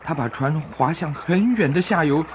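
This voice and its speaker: A man's voice: on the high side, expressive, normal speed, a little hiss or hum. A man narrating a scripted story for children, explaining things simply and expressively as if to small listeners. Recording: dull lo-fi recording with music behind.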